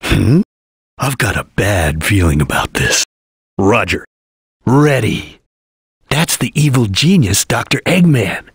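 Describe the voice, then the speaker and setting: Espio, a husky, stoic ninja chameleon. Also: male voice, on the low side, lively intonation, no room sound, studio quality, exaggerated voice. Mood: guarded. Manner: terse, grave, deliberate instruction. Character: stoic male chameleon ninja, serious, watchful, disciplined. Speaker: video game character voice actor. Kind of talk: video game voice lines, hints and callouts.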